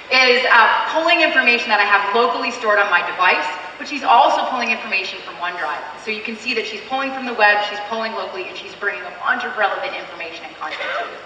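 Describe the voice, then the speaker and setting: Her voice is a little high and sharp in tone as this Canadian woman, the keynote presenter, runs a live product demo on a large convention hall stage, upbeat, chatty and heavy on fillers. The recording comes from a distant mic in an echoey hall and carries a little hiss or hum.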